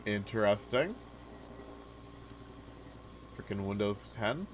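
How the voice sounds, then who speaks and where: Young man, low voice, easygoing let's-play chatter at a desk mic. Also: expressive, takes it slowly, noisy background. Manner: laid-back, chatty, many filler "like"s. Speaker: gaming video host. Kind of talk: casual let's-play commentary.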